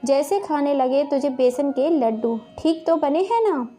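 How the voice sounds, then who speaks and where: A woman doing a shrill, taunting stepmother. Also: a little slow, soft background music. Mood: scolding. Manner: sharp, taunting, shouts names. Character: harsh scolding village stepmother, woman.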